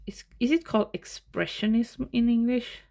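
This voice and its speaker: This woman's voice sits on the high side, gravelly yet mellow, at a normal pace. She's from Sweden and speaks accented English in a casual vlog, laughing frequently as she walks through her home film collection.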